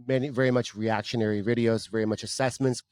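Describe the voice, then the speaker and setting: A man's voice: mid-range voice, fairly even intonation, darkish tone, smooth. Reflective man from Peru, raised in Jersey. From Peru, raised in New Jersey. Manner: reflective, measured, thinks aloud. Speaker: podcast guest. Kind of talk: casual faith chat.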